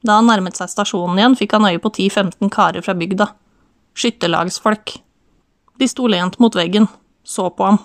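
A woman narrating an audiobook in steady, even storytelling. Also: mid-range voice, no echo. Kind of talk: scripted narration.

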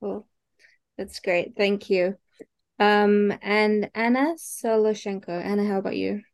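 A woman's voice: mid-range voice, fairly even intonation, takes it slowly, dry recording. A woman teaching an online English group lesson, patiently prompting each student to introduce themselves.

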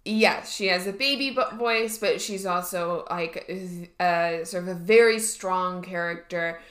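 A woman's voice: on the low side, a little slow, a bit bright. A woman co-hosting a podcast, chatting casually with a hesitant delivery full of fillers and restarts. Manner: hesitant, many fillers and restarts, laughs often. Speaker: podcast co-host. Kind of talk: casual chat. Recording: roomy echo.

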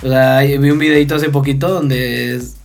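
A man's voice: mid-range voice, steady tone, moderate pace, faint music behind. A man with a Mexican accent, co-hosting a casual podcast chat, slangy and rambling with lots of fillers. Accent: Mexican Spanish. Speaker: podcast co-host.

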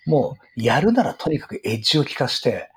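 A middle-aged man with a husky, rough voice explains business strategy in an interview in an earnest, emphatic way. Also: medium pitch, big pitch swings, fairly quick. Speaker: retail business guest expert.

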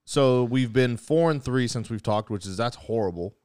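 A young man hosting a casual sports podcast, talking fast with joking, profane banter. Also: mid-range voice, darkish tone, smooth, no room sound, clean studio sound. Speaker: podcast host.

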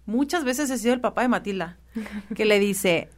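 A woman hosting a casual conversation, animated when telling stories. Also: mid-range voice, normal speed.

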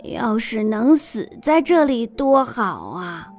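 A stubborn old aunt grumbles through every answer, read out by a woman. Her replies are short and impatient, with a lively rise and fall. It is a gentle children's storybook voice. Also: fairly high pitch, takes it slowly, faint music behind, heavily acted. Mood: wistful. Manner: complaining, impatient.

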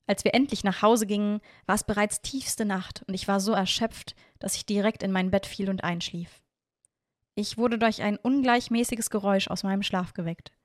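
A woman narrating a first-person storybook in an even, measured way. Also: mid-range voice, no echo, clean studio sound. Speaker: audiobook narrator.

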